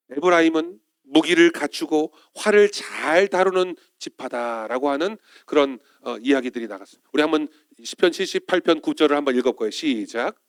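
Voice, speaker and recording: A man's voice: a little high, no room sound, clean studio sound. A male pastor preaching a Sunday sermon in church, often turning to the congregation with questions.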